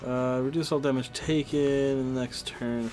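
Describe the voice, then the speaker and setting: A man's voice: medium pitch, steady tone, moderate pace, darkish tone, faint music behind. A man casually chatting while playing a video game, reading on-screen text aloud under his breath. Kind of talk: casual gameplay chat.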